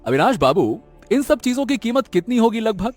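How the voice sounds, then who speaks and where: Fawning cartoon henchman, voiced by a man, high lively voice, dry sound. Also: normal speed, soft background music. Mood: amazed. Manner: fawning, laughs along. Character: greedy accomplice of the headman.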